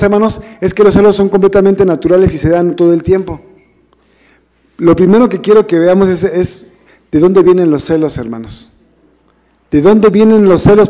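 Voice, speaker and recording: A man preaches a sermon in a church hall. His voice sits high but sounds soft and mellow. He talks to his congregation in a conversational way and keeps throwing rhetorical questions at them. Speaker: minister preaching.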